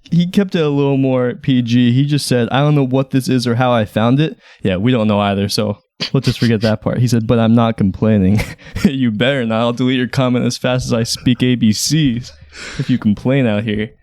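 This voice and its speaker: A man's voice: mid-range voice, moderate pace, darkish tone, no room sound. A young man co-hosting a casual podcast, teasing his friend with wry, self-mocking humor. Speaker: podcast co-host and editor. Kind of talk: casual chat.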